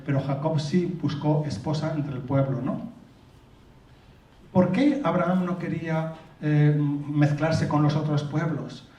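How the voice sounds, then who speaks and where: Spanish pastor preaching in an echoey church. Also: male voice, a little high, warm tone. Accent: Peninsular Spanish. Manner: earnest and explanatory, asks the congregation if they follow. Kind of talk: sermon. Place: church hall. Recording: roomy, distant, dull lo-fi church recording.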